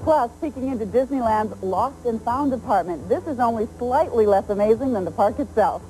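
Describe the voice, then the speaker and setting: A woman's voice: a little high, expressive, fairly quick, warm tone, rough recording. A woman with an American accent hosting and reading scripted travel news. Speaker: travel news show host.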